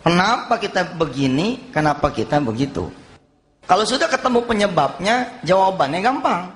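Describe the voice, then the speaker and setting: A middle-aged man preaching a sermon, telling stories and acting out the dialogue with lively energy. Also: high voice, moderate pace. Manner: lively storytelling, acts out dialogue. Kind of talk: sermon with anecdotes. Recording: long hall reverb.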